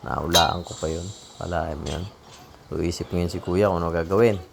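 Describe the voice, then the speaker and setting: A woman's voice: extremely low pitch, steady tone, normal speed, creaky. A woman giving chatty, joking voice-over commentary on her own footage as a vlogger. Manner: chatty, joking, self-praising. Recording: noisy background.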